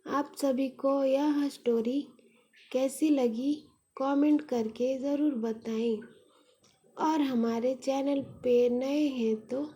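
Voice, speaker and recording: A woman narrating a first-person family story in a soft, unhurried manner, then addressing her viewers. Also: high-pitched, fairly even intonation.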